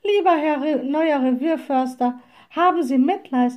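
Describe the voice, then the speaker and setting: A woman voicing a cheeky little old witch who talks high and sweetly mocking. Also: a little slow, highs cut off. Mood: sly sweet.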